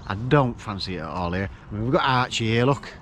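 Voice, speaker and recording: A man's voice: on the low side, animated, fast talker, fairly bright tone, a little hiss or hum. A middle-aged man, talking casually to camera outdoors beside a lake, chatting through his plans. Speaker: angler vlogger.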